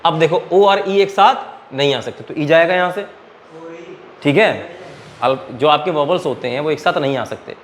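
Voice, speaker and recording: Male chemistry tutor, classroom lecture, slightly raised pitch, quizzing students, quiet background noise. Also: moderate pace. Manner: quizzes students and answers his own questions; calls students "beta". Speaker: chemistry teacher.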